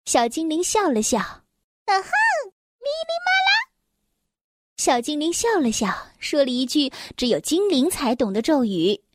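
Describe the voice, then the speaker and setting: A woman reading a children's storybook aloud, slow and expressive. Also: high-pitched, no room sound.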